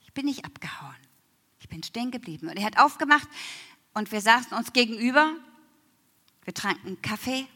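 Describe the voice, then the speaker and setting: A woman giving a personal faith testimony, emotional, often slowing down and dropping to near whispers. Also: fairly high pitch, expressive, bright, forceful tone. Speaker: church member giving testimony. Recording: long hall reverb.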